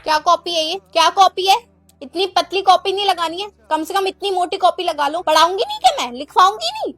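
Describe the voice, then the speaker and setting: A woman's voice: very high-pitched, big pitch swings, a bit bright, no room sound, exaggerated voice. A woman playing a harsh, scolding schoolteacher. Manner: scolding, threatening, rapid-fire questions. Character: harsh strict female schoolteacher scolding pupils. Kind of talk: comedy skit acting.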